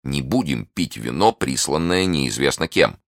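A man voicing a grave, reserved musketeer who speaks in a quiet, measured way. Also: extremely low pitch, lively intonation, dry recording, clean studio sound, full character voice. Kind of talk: audiobook character voice.

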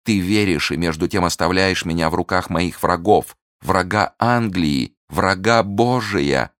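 A man's voice: very deep voice, moderate pace, a bit bright, dry recording, clean studio sound. A man voicing a desperate, scheming noblewoman in an audiobook reading, pleading and accusing with passion. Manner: impassioned, pleading then accusing.

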